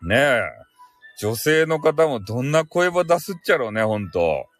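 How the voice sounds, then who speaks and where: Laughing Hakata-accented man, lively pitch. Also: normal speed, soft background music. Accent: Hakata dialect, Fukuoka. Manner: chatty, laughs often, self-mocking, drawling dialect. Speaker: solo audio-stream host reading live listener comments. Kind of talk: casual live chat. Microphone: close home microphone.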